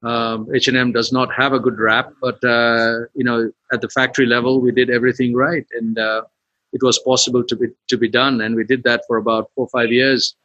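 Speaking a little fast in a level tone, this podcast guest has a mid-range, pushed and bright voice with no room sound. He's a tour company founder from western Nepal with a Nepali accent, answering interview questions casually over a dull, lo-fi line.

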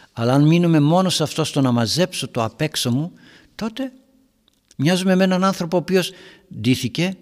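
A man, a priest, giving an earnest homily to young parents, asking and answering his own questions. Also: a little high. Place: church. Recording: reverberant church hall.

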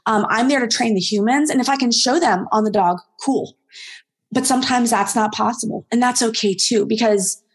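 A woman's voice: mid-range voice, slightly rough. A woman dog trainer chatting casually as an interview guest, rambling with lots of ums and restarts.

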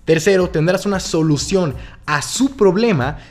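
Mexican guy hosting a sales podcast, chummy and jokey, bouncy pitch all over, faint music behind. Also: normal speed. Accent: Mexican Spanish. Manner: animated, joking, chummy. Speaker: podcast host and sales coach. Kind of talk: casual motivational monologue.

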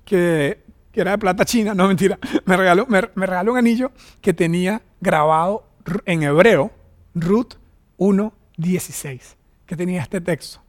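A man's voice: high-pitched, moderate pace. A man in his forties from Venezuela, a pastor preaching a sermon in a chatty, joking storytelling way.

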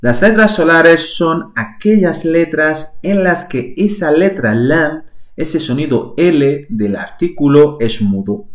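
Male podcast teacher, unhurried and patient, mid-pitched, recorded in a roomy space. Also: animated. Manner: slow, patient, spells out words and repeats them. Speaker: language teacher. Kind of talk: podcast language lesson.

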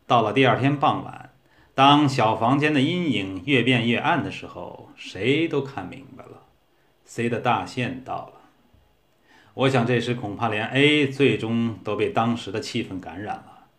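A man reads a short story aloud in an even, measured way. His voice sits at a middling pitch, neither high nor low. He tells it steadily from start to end. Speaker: narrator. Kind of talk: storybook reading.

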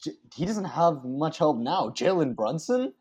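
Animated young guy, dark husky voice. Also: fairly high pitch, a little slow. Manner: animated, slangy, talks in restarts. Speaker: podcast host. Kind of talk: casual sports chat.

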